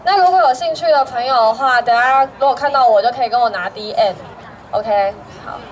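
A woman's voice: a little high, brisk, some chatter behind. A young woman with a Taiwanese accent making a live announcement as a student club publicity officer. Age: young adult. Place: outdoor evening festival stage. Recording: distant outdoor stage sound.

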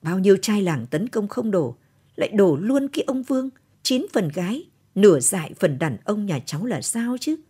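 A woman's voice: mid-range voice, big pitch swings, moderate pace, dark tone, husky, pitched above the performer's own voice. A woman voicing a cheeky young grandson, teasing and gossiping in an audio storybook.

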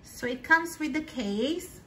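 A woman casually unboxing sunglasses at home, chatty and excited with lots of fillers. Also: sits high, takes it slowly, poor audio. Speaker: vlogger. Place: home kitchen.

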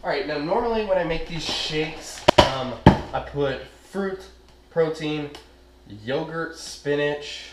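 A man's voice: on the high side, lively intonation, slow. A young adult man chatting informally and slangily to camera as a fitness vlogger. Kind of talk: casual vlog chat to camera. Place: home kitchens and a gym, indoors. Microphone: action camera at a short distance. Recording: roomy echo, clear background noise.

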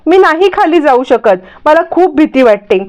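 A woman's voice: sits high, lively intonation, moderate pace, darkish tone. A woman reading a frightened young girl. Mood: scared. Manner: pleading, worried.

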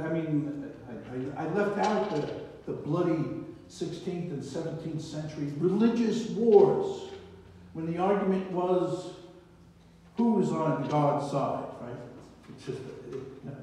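This American man in his seventies preaches a loose, wandering sermon in a chatty style, often tossing in "right?" to check on listeners. He has a fairly high, mellow voice. It's recorded in a small church hall with an echo, via a distant camera or phone mic.

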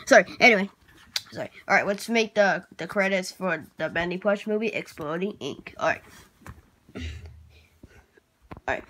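A woman vlogging casually in a hesitant, rambling way, restarting her words, clearing her throat and apologizing often. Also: mid-range voice, very animated, a little slow, long pauses, pushed and bright, a little hiss or hum. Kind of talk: casual vlog talk while working at a computer.

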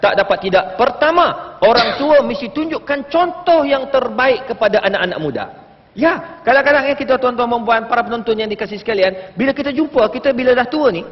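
A man in his late thirties speaking as a panelist on a religious forum, telling stories with animation and addressing the audience. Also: extremely high pitch. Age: late 30s. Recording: dull, echoey hall broadcast sound.

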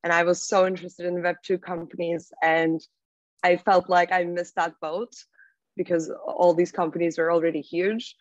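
Calling in via laptop from a small room at home, a young woman from Turkey talks as a podcast guest in relaxed interview style, pausing with fillers and restarting thoughts. Her Turkish-accented voice is on the low side, level and at normal speed, and the video-call sound is flat and dry without echo.

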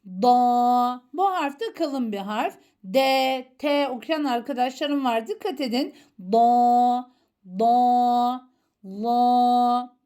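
A woman teaching a Quran reading lesson, sounding out letters one at a time and correcting common mistakes. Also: sits high. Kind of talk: slow, careful Quran alphabet lesson.

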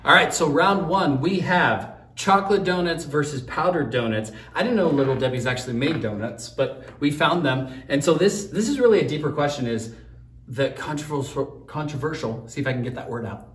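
A man's voice: fairly high pitch, lively intonation, a little fast, fairly bright tone, echoey room, far from the mic, slight background noise. A man co-hosting a casual church web show, chatting playfully while taste-testing snacks, sometimes talking with his mouth full. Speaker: pastor and co-host.

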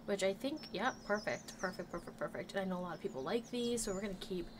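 Talking fast in a mid-range voice, a woman hosting a gaming channel gives casual let's play commentary and chats with the game characters. She sounds slightly nasal, still recovering from a cold. The background is noisy, with game music playing.

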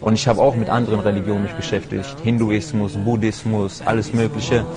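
A man's voice: lowish voice, level tone, a little fast, crowd noise. A man in his twenties telling his story in a casual, hesitant way, seated indoors on a lapel mic. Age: 20s. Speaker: interviewee. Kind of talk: personal testimony.

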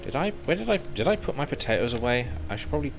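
Racing through his commentary, a medium-pitched, creaky-voiced man in his thirties chats very animatedly to himself while streaming a game. He's on a headset mic, with game music running under his voice.

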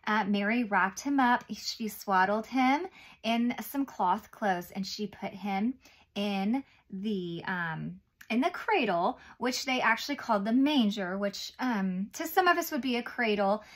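A woman's voice: medium pitch, measured pace. A woman in her thirties reading and explaining a Bible lesson to young children in simple, encouraging words, as if reading to a toddler. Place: small indoor room, seated at a table.

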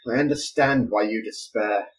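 An actor playing a frantic, eccentric inventor who exclaims and pleads in a flustered way. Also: male voice, lowish voice, moderate pace, slight background noise, natural voice, low-quality recording. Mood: placating.

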